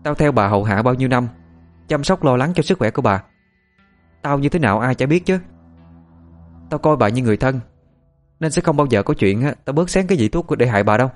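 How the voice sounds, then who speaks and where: A man voicing a spiteful young female servant who talks in a shrill, sneering, threatening way. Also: lively intonation, moderate pace, hardly any pauses, fairly bright tone, faint music behind, close to an everyday voice. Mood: defiant sneering.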